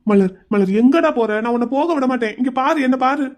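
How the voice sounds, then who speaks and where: A woman's voice: high-pitched, expressive, a little fast, a little mellow. A woman voicing an anxious young husband in a cartoon drama, pleading with his wife not to leave. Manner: pleading, coaxing.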